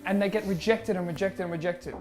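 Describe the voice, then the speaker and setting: A man's voice: sits high, a little fast, darkish tone, soft background music. A man hosting a casual chat, asking earnest, probing questions in an indoor games room. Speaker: host.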